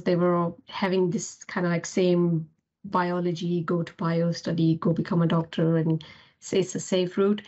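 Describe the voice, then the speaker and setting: A woman's voice: medium pitch, darkish tone. A woman from Pakistan, a podcast guest reflecting earnestly on her upbringing and career in conversation. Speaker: podcast guest, cloud architect. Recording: dull lo-fi podcast audio.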